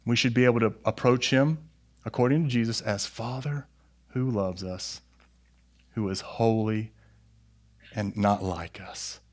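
A man's voice: lowish voice, measured pace, pauses often. A man preaching a sermon as a pastor, earnestly exhorting his listeners and putting questions to them.

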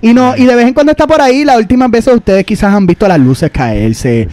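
A man's voice: extremely high pitch, lively intonation, fairly quick, a little mellow, no echo. A young man co-hosting a podcast in casual chat, laughing often and stumbling over repeated words. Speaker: podcast co-host.

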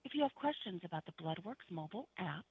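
A woman's recorded phone menu voice heard over a landline phone, reading prompts in an even, measured announcer manner. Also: on the low side, creaky, husky. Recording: dull phone line audio.

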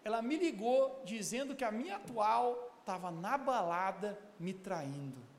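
A man's voice: high-pitched, a little slow, pitched below the performer's own voice. A man voicing his naive, lovesick young friend, eager and then desperate, in a long echoing hall. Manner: excited, then desperate and pleading. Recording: long hall reverb, faint background noise.

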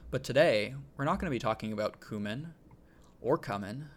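A man hosting a casual podcast and explaining things in a relaxed way, with frequent ums. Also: medium pitch, quick pace, a little hiss or hum. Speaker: podcast host. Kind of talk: casual chat.

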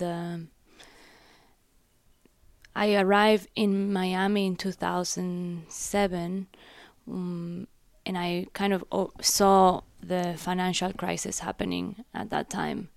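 A woman in her thirties with a slightly low, gravelly voice. She answers interview questions as a curator, thinking things through in a conversational way. The recording is close and dry. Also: darkish tone, dry recording. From Ecuador. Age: 30s. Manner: reflective, conversational. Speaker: curator and gallery director.

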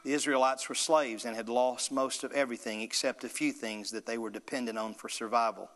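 Man, pastor, emphatic sermon, bright forceful voice, long reverb of a large hall. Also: medium pitch, steady tone, a little fast. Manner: emphatic, repetitive preaching with call-and-response.

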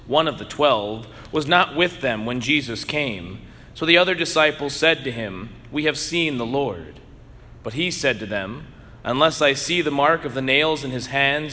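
Priest, male, fairly high bright voice, measured and emphatic delivery, long cathedral echo. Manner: slow, measured reading that turns earnest and emphatic in preaching. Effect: cathedral echo, long church reverb. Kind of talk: gospel reading and homily. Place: large church. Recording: echoey church with long reverb.

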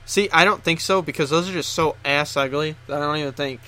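A man's voice: a little high, quick pace, sharp tone. A man co-hosting a podcast, chatting casually with jokey, rambling opinions. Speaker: podcast co-host. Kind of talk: casual chat.

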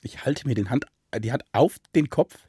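Husky man with dry joking remarks. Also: medium pitch, normal speed, mellow, dry recording. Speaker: podcast co-host. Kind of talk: casual chat.

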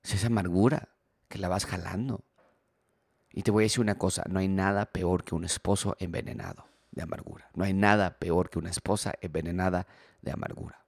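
A man preaching a sermon on marriage, animated, sometimes acting out the voices of quarreling spouses. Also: low voice, vocal fry, slightly rough, dry recording, clean studio sound. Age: married adult. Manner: animated, acts out quoted spouses. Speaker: pastor.

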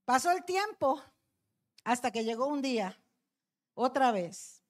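A woman's voice: sits high, very animated, a little slow. A middle-aged woman, a pastor's wife, telling a testimony in a sermon and addressing the congregation as brothers.

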